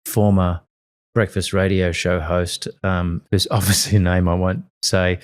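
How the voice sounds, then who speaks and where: A man with an Australian accent, a radio host and guest, telling animated stories in casual interview chat. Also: deep voice, unhurried. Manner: animated storyteller.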